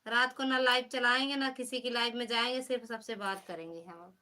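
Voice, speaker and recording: A woman's voice: a little high, fairly even intonation, a little fast, sharp tone. A woman with an Awadhi accent, hosting a casual live stream and chatting teasingly with her viewers. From Pratapgarh, Uttar Pradesh.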